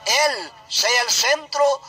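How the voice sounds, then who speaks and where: Male preacher, very high tense voice, fervent repetitive sermon, shouted peaks, music bed. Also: very slow, husky, low-quality recording.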